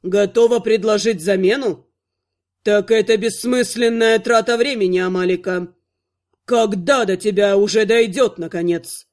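A woman voicing a calm, icy and mocking male necromancer. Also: fairly low pitch, normal speed, voice pushed down, lightly acted. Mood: cold smug. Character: cold smug dark male necromancer.

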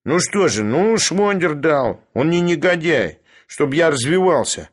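Man putting on a crude dog-turned-man, storybook reading, coarse, whiny, husky, high-pitched. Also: sing-song, a little slow. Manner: coarse, whiny, shrill when scared. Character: crude, brash young man, a dog made human. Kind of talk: audiobook character voice.

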